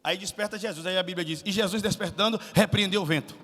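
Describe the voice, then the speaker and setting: A man from Salvador preaching a sermon as guest pastor, questioning the congregation and rising to shouted peaks. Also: high voice, quick pace. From Salvador, Brazil. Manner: asks the congregation questions, builds to shouted climaxes. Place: church hall. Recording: long hall reverb with faint music.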